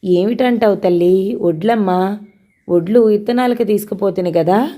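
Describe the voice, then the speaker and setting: Easygoing village farmhand played by a woman, rough country talk, loud calls, warm storybook reading. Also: mid-range voice, unhurried, natural voice. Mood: cheerful. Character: rustic chatty male farmhand, easygoing.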